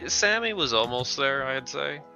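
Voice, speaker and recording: A man's voice: mid-range voice, animated, a little slow, vocal fry. A man chatting casually on a group livestream, repeating himself as he works out his thoughts. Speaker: tabletop player on a group livestream. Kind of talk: casual chat. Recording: background music behind voice. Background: music.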